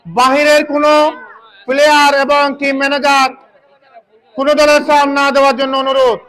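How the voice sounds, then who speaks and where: A man's voice: extremely high pitch, flat delivery, a little fast, pushed and bright, rough recording. A man with a Bangladeshi accent giving live commentary and announcements at a local football match, often repeating his phrases. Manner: repeats phrases as he calls play. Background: crowd at a local football match.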